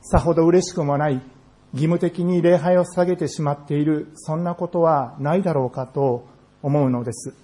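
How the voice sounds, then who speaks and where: A male pastor delivers a sermon in an earnest, measured way. His voice sits a little high for a man, and he leans into slow, emphatic phrases. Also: fairly even intonation, mellow. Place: church sanctuary.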